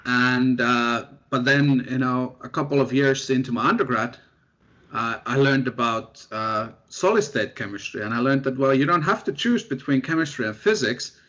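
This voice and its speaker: A man's voice: medium pitch, normal speed. Young guy, researcher, chatting easy and poking fun at himself, kinda dull muffled sound. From Finland. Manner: relaxed, self-deprecating storytelling. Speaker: guest scientist, postdoctoral researcher. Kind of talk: casual interview chat. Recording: dull lo-fi audio.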